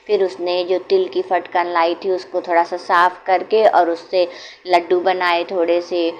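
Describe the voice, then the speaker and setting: A woman narrating a village folk tale in a homely, unhurried way, pausing to explain old customs. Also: on the low side. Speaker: storyteller. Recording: dull lo-fi sound, faint noise.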